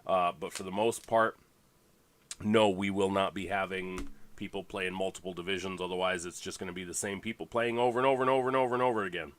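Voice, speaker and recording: A man's voice: low voice, fairly even intonation, quick pace, fairly bright tone. Congested man hosting a casual livestream. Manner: rambling, full of fillers and restarts. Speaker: fantasy league host.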